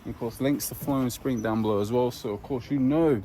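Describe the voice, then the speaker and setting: A man's voice: medium pitch, a little fast, warm tone. Man chatting at a car meet. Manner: enthusiastic, chatty car talk. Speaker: car vlogger. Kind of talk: casual vlog commentary. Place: outdoors at a pub car meet. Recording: outdoor recording with traffic noise. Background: passing cars and motorbikes.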